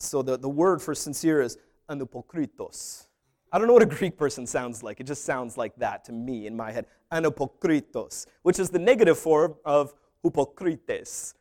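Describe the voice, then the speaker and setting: A medium-pitched male pastor gives a lively sermon, sprinkling in humorous asides and acting out little dialogues.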